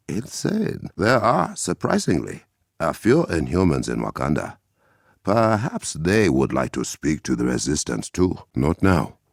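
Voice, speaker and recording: A noble, composed warrior king from a video game, the dignified ruler of Wakanda, speaks with a remarkably deep, husky African accent and an exaggerated delivery free of echo. His pitch shifts expressively, yet his wording stays formal and measured, laced with dry wit. Here he sounds critical and dry.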